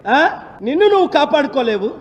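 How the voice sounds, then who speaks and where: A man's voice: extremely high pitch, very animated, brisk, muffled recording. An actor playing a scornful man who scolds and mocks someone.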